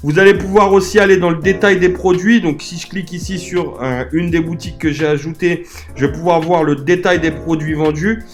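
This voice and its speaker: Casual male e-commerce coach. Slightly higher voice, loose and chatty delivery with many hesitations, and soft music underneath. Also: steady tone, brisk. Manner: chatty and informal, with frequent hesitations and self-corrections. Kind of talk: casual screen-share software tutorial.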